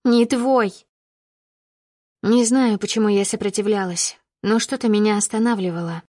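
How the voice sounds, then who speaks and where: A woman's voice: medium pitch, brisk, no echo. Woman narrator, first-person audiobook, mid-range voice, dry close sound. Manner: steady storytelling, rising with emotion in dialogue.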